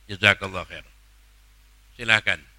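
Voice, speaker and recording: A man preaching a sermon and leading a congregation in prayer, coaxing listeners and drawing out chanted invocations slowly. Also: low-pitched, steady tone, bright, forceful tone, dry recording. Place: religious gathering.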